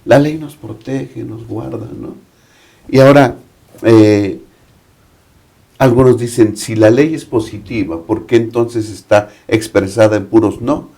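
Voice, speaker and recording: Un hombre mexicano que explica un texto bíblico en un panel, con preguntas retóricas. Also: male voice, mid-range voice, measured pace, gravelly, warm tone. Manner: explanatory, asks rhetorical questions. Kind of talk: Bible study panel discussion.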